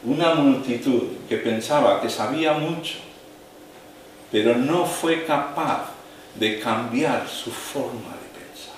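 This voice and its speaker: A man preaching a sermon, slow and dramatic, dropping to a hush and then rising to a raised voice. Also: mid-range voice, slight background noise. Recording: echoey hall, heard from a distance.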